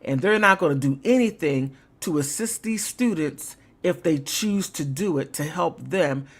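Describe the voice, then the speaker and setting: Slow easygoing stream host, rambly and emphatic, mid-pitched voice. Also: animated. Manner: rambling, emphatic, laughs while talking. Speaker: livestream host. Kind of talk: casual political commentary.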